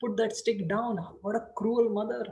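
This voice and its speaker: A man's voice: high-pitched, level tone, normal speed, dark tone, pitched above the performer's own voice. A man voicing indignant villagers who reproach a mother for chasing her little boy with a stick. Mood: reproachful. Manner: reproachful, pleading.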